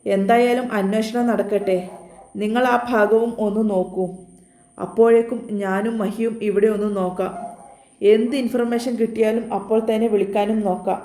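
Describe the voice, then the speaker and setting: A woman voicing a calm young man who explains a rescue plan in a steady, reassuring way. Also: a little high, moderate pace, reverberant, close to an everyday voice.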